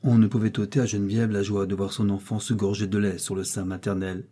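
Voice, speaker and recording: A man narrating a novel in a measured storytelling delivery. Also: lowish voice, level tone, mellow, breathy edge. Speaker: audiobook reader.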